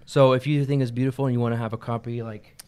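A man's voice: medium pitch, little pitch movement, fast, darkish tone, clean tone. A man co-hosting a casual chat about bestselling games, dry and easygoing. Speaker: co-host.

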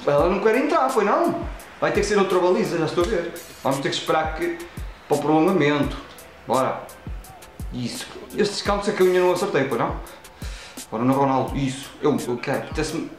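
Brief: excitable Portuguese gamer guy, lively rising pitch, echoey room with faint music behind. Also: fast. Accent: European Portuguese. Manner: excitable, talks at the game and the referee, frequent exclamations. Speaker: gaming channel host. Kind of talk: playing a football video game and commentating.

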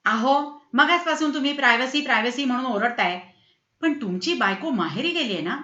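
A man's voice: very high-pitched, expressive, a little fast, pushed and bright, roomy sound, dull audio, exaggerated voice. A woman voicing the storyteller's exasperated, anxious male character in a storybook reading. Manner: agitated, questioning. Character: anxious, exasperated man of the house.

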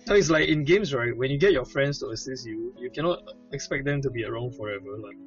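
A man's voice: medium pitch, fast. A man chatting casually as a companion to someone playing a game. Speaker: gaming companion. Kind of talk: casual chat. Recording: muffled lo-fi call with music.

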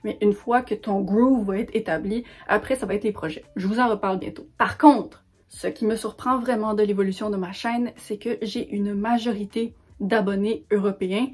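A young woman with a Québécois French accent talks to her audience in a chatty, upbeat vlog about books. Her voice is a little husky and breathy, sitting at an ordinary middle pitch. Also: fairly even intonation, normal speed, a little mellow. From Quebec. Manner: chatty and enthusiastic. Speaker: book vlogger. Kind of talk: casual vlog talk to camera.

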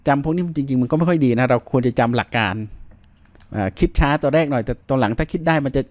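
A man teaching English grammar in a recorded lesson, thinking aloud with many fillers and spelling out words slowly. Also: mid-range voice, darkish tone, no room sound.

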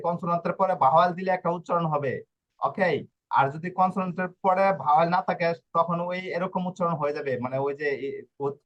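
A man teaching an Italian spelling lesson, patiently explaining and checking in with his students again and again. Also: fairly high pitch. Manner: patient, repeats points and checks in with "okay?". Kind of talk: live online class in Bengali. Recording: dull lo-fi audio.

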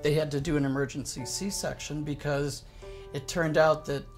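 A man in his forties telling personal family moments in a gentle, heartfelt way during a casual interview. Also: on the high side, little pitch movement, normal speed, soft background music. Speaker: interviewee, co-parent. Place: living room, sitting in an armchair.

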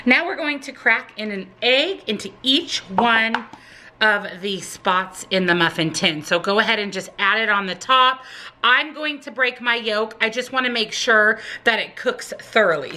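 A woman's voice: mid-range voice, lively intonation, normal speed, sharp tone, slight background noise. A woman narrating her weekly meal prep in an upbeat, chatty voice-over, explaining each step as she cooks. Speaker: meal prep vlogger and nutrition coach. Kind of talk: casual cooking voice-over.

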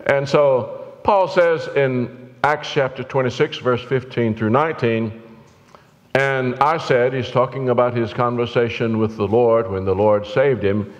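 A man's voice: mid-range voice, a little slow. An older man preaching a sermon from a church pulpit, earnest and rising to urgent exhortation. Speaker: pastor. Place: church sanctuary, indoors, at the pulpit. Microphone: pulpit mic from a far camera. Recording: roomy hall reverb, dull lo-fi sound.

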